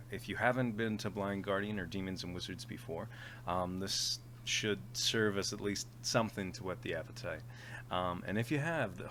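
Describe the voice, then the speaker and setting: A man's voice: sits low, fairly bright tone, a little hiss or hum. A man hosting a podcast, giving a casual, friendly introduction with frequent ums. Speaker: podcast host.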